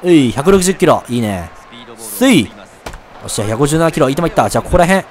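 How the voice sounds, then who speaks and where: A man commentating a baseball video game, shouting at big plays and muttering asides in between, and politely apologizing to viewers for being loud. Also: on the high side, big pitch swings, fast. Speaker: let's play commentator. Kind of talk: excited gameplay commentary.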